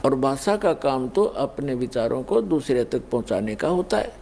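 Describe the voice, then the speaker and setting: A man's voice: mid-range voice, sing-song, moderate pace, vocal fry, a little mellow, slight background noise. A man preaching a spiritual sermon, addressing listeners directly and explaining with everyday examples.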